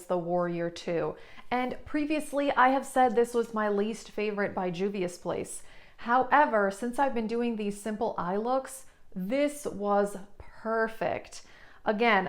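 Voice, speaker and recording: A woman beauty vlogger chatting casually to camera in a relaxed, rambling way. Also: mid-range voice. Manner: chatty, relaxed, many "so yeah" fillers.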